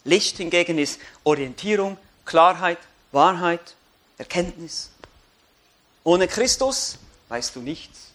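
A male pastor preaching a sermon, swinging from loud emphatic declarations to quiet, earnest appeals to the congregation. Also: high voice, expressive, slow. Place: church.

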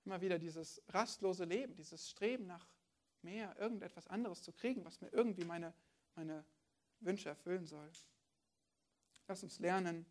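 A woman's voice: lowish voice, moderate pace, long pauses, darkish tone. A woman preacher giving a sermon, talking to her listeners directly and often asking them rhetorical questions.

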